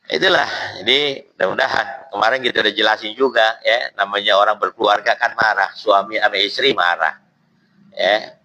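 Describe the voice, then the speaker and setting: A man's voice: on the low side, moderate pace, low-quality recording. A male preacher, giving a casual, jokey sermon at a mosque study circle. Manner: lively, jokey, colloquial, acts out quotes.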